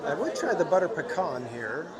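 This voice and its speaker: A man's voice: a little high, big pitch swings, normal speed, rough recording. A man hosting a casual live vlog, chatting informally with his viewers as he goes. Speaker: live stream host. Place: busy theme park, ice cream shop. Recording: loud crowd of a public space.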